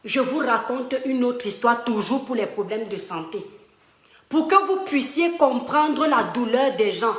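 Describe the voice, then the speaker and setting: Speaking to her online followers from a room at home, a woman from Cameroon recounts a personal story with emphasis and fondness, talking to viewers directly. Her voice is fairly high and a bit bright, with lively intonation and a measured pace, and the recording has a roomy home echo.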